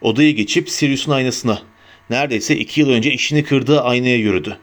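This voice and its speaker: A man narrating an audiobook in a measured, steady storytelling manner. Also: medium pitch.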